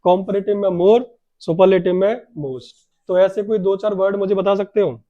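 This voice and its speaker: A high-voiced male teacher leads a grammar lesson. He keeps putting questions to his class and then answering them himself, stretching out key words to stress them. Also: fairly even intonation, normal speed, muffled recording.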